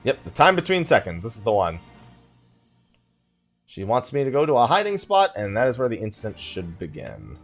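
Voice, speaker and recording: This YouTuber's let's play commentary is casual and rambling, and he thinks aloud as the game goes on. He talks at a normal speed in a mid-range voice whose pitch swings hugely, over faint background music.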